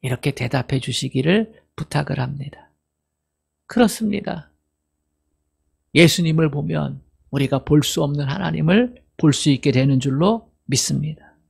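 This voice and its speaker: Gravelly Korean pastor preaching. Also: male voice, on the high side. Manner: asks the congregation questions and answers them; acts out quoted dialogue in a slowed voice. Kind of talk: sermon.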